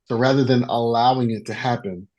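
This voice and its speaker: A man on a podcast calmly explaining his personal philosophy in a reflective, casual way. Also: medium pitch, brisk.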